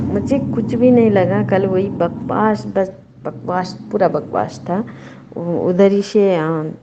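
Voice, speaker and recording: A woman, talking slowly and bluntly about a reality show, scolding and stopping to restart her sentences. Her voice is dark and mellow. The recording is dull and lo-fi. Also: on the high side. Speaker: show reviewer. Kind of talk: casual opinion chat.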